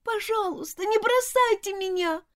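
A woman voicing a spoiled, willful little girl who whines and pleads in a high, swooping voice. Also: big pitch swings, normal speed, darkish tone. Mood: pleading. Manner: whiny and pleading.

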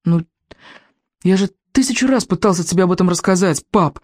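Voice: mid-range voice, fast, mellow, no echo, clean studio sound, close to an everyday voice. A reader voicing an embarrassed young boy who blurts out his excuses in an audiobook. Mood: flustered. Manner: blurting, defensive. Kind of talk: audiobook reading.

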